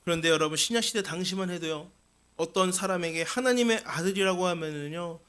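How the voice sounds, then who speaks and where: Delivering a Sunday sermon in the sanctuary, the senior pastor talks earnestly and straight to his listeners, frequently asking rhetorical questions. His voice sits high and stays bright and forward throughout, moving a little fast.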